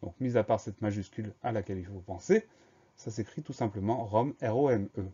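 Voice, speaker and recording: Man, spelling lesson teacher, patient, spells letter by letter, low voice, muffled recording. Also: a little fast, mellow, slightly rough. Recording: dull lo-fi recording.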